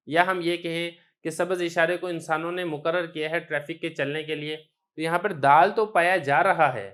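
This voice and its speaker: Male teacher with a Pakistani Urdu accent, slightly raised pitch, patient step-by-step classroom explainer. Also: a bit bright. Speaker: religious studies teacher. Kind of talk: classroom lecture.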